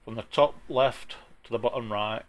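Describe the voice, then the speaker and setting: A man with a broad Yorkshire accent talking through an informal software tutorial in a plain-spoken, chatty way, with a gravelly voice. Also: mid-range voice, moderate pace. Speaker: tutorial presenter.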